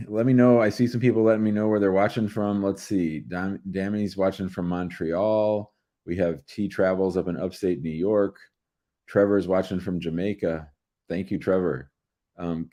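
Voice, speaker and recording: An American man with a distinctly low, mellow voice hosts a live call-in show. He speaks casually and informally to callers and to the people watching.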